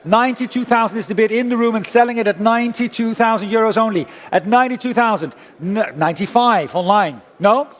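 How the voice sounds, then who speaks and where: A man's voice: sits high, brisk, hardly any pauses. A man working as an auctioneer, calling bids in a formal, insistent way and repeating figures over and over. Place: large auction hall, indoors. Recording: long-reverb hall sound.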